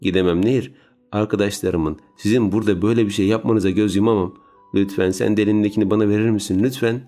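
A man's voice: fairly low pitch, steady tone, fast, warm tone, faint music behind, natural voice. A man voicing an earnest, determined young woman who pleads urgently, in a raised voice, in an audiobook reading. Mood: pleading.

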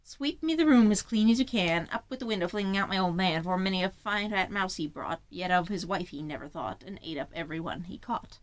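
A woman's voice: lowish voice, expressive, fairly quick, hardly any pauses, natural voice. A woman voicing a vain widowed vixen who gives orders in an imperious manner. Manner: imperious, demanding.

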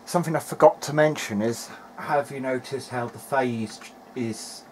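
A man with a mid-range voice narrates an electronics repair casually and technically at a normal pace, thinking aloud somewhat hesitantly as he works. He's the hobbyist presenter of a repair video diary, and there's a faint hiss or hum in the background.

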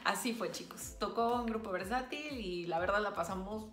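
A woman's voice: medium pitch, normal speed, a bit bright. A young woman with a Mexican accent, chatting casually to viewers in a vlog and laughing often. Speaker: vlog co-host. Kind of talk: casual chat. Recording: echoey room with faint music.

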